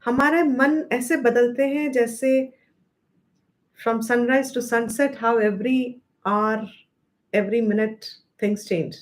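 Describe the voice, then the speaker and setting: A woman with an Indian accent teaching a scripture study class, explaining patiently, slowing down to stress key terms and mixing Hindi phrases into her English. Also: a little high, fairly even intonation. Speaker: Vedanta teacher.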